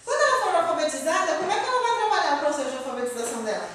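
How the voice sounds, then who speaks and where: A woman's voice: high voice, racing, a little hiss or hum. A woman professor giving a lecture to an audience, quizzing the room and laughing often as she explains. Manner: lively, asks the audience questions, laughs often. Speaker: university professor giving a talk. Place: lecture hall. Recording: loud echoey hall, far from mic.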